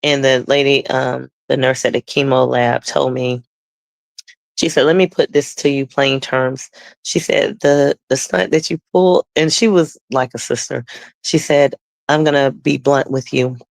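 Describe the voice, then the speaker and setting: A woman's voice: extremely low pitch, fairly even intonation, measured pace, gravelly, no echo. A woman guest telling her personal testimony conversationally, acting out the dialogue she quotes.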